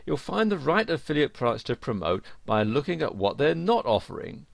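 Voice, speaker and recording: A man reading a scripted instructional narration for an online course, with a lively, emphatic delivery. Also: mid-range voice, creaky, dry recording.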